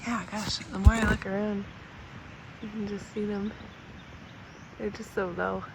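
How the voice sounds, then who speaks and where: Slow-paced woman vlogging with noticeable background noise. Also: mid-range voice, flat delivery, gravelly. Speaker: vlog host. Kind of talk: casual vlog chat and narration. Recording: noisy on-location audio.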